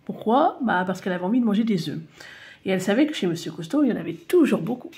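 Animated woman reading a children's story. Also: mid-range voice, fast talker. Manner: animated, playful.

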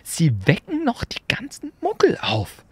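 A man voicing a stern older female professor who speaks in a sharp, scolding way. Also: very high voice, huge pitch swings, measured pace, breathy edge, dry recording, voice pushed up, heavily acted.

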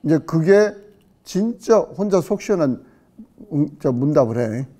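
A middle-aged male pastor giving a casual Bible-study sermon, acting out questions with sudden loud outbursts and dropping in English words. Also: on the high side, animated, a little slow.

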